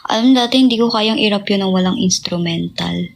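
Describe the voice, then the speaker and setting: Gravelly young woman chatting on a livestream. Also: mid-range voice, fairly quick. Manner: chatty, drifts into sung snippets and soft whispers. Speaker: singer livestreaming to fans. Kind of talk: casual livestream chat.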